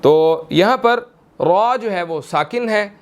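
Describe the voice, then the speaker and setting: A young man with a Pakistani Urdu accent teaches tajweed in a high, smooth voice. He speaks at an unhurried pace and patiently repeats single words to show how they should sound. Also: expressive. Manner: patient, repeats words slowly to model pronunciation; slow melodic Quran recitation between explanations. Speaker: Quran recitation teacher. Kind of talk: tajweed lesson, explaining and demonstrating.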